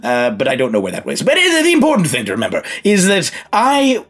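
A man's voice: fairly high pitch, wildly swooping pitch, a little fast, fairly bright tone, heavily acted. A man playing a genteel psychic who speaks telepathically into a listener's mind, in a courtly, rambling, hesitant way during tabletop role-play. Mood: wistful, awed.

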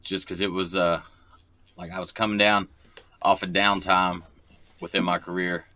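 A man's voice: low-pitched, level tone, normal speed, bright, forceful tone, no echo. A man in his thirties chatting casually as a guest rapper, explaining things in everyday words. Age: 30s. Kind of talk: casual chat.

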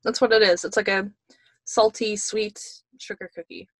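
A woman's voice: mid-range voice, steady tone, normal speed, no room sound. A woman co-hosting a podcast over a video call, chatting casually while tasting snacks and often repeating her words as she talks. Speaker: podcast co-host.

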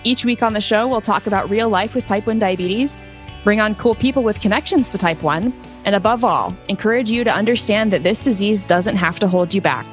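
A woman's voice: medium pitch, fairly quick, soft background music. A woman hosting a podcast, presenting in a conversational way. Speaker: podcast host.

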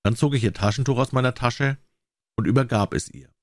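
A man narrating a classic story as an audiobook reader, with expressive, varied intonation. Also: mid-range voice, fairly quick, no room sound, clean studio sound.

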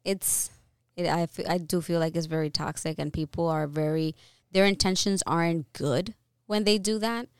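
Earnest woman with a smooth, fairly low voice. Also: fairly even intonation, normal speed, no room sound, clean studio sound. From New York, US. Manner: earnest, opinionated, many fillers and restarts. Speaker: podcast co-host. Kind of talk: casual conversational podcast.

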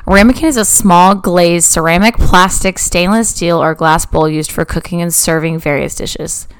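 A woman's voice: on the low side, steady tone, moderate pace, clean tone, no room sound. A young woman co-hosting a casual food podcast, talking bluntly and swearing freely. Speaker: podcast co-host. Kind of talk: casual food review chat.

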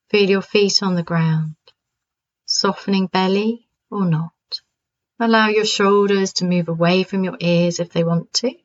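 Woman calmly guiding grounding, dull recording. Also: lowish voice. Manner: gentle, permissive, unhurried instruction with pauses. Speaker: wellness coach leading a mindfulness practice. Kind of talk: calm guided grounding exercise.

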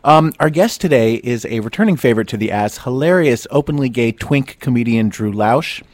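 A man hosting a comedy podcast, his voice sitting at an ordinary middle pitch. He talks in a campy, brash, teasing way. The studio mic sounds close and dry, with no room echo. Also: expressive, moderate pace. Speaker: podcast host. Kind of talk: casual comedic chat.

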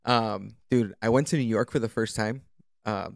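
A man's voice: lowish voice, normal speed, gravelly, dry recording, clean studio sound. Slangy man in natural unscripted podcast chat. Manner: slangy, profane, enthusiastic storytelling. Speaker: podcast guest or co-host. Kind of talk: natural unscripted casual talk.

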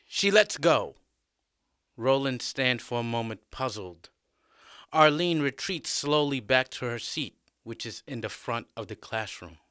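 A man narrating a story in a deliberate, expressive way. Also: mid-range voice, no echo, clean studio sound.

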